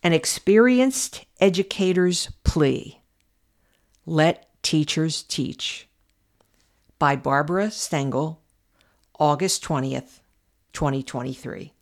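Reading her own essay for a podcast, an older American commentator speaks in a low-pitched voice. She's measured and earnest, leaning heavily on her main points.

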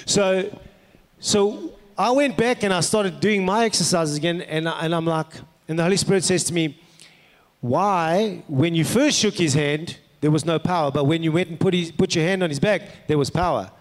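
A man's voice: a little high, normal speed. A man with a South African accent preaching as a pastor, conversational, telling personal stories and putting rhetorical questions to his listeners. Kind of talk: sermon with personal anecdotes. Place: large indoor hall, preaching to an audience. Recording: echoey hall with long reverb.

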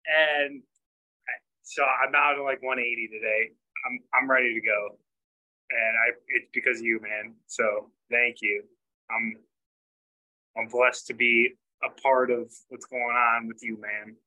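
Earnest male caller on a video call, bright tense tone, flat delivery. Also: medium pitch, unhurried, poor audio. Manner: earnest, repeats "man" often. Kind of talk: casual chat.

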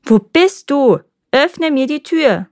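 A woman voicing a shrewd, impatient peasant wife who scolds and gives sharp commands in a storybook reading. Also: on the high side, lively intonation, normal speed, no room sound, studio quality, natural voice. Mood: scolding.

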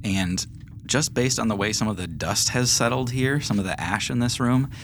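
A man narrating as game master of a tabletop game, relaxed and chatty with plenty of fillers. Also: mid-range voice, normal speed, noisy background.

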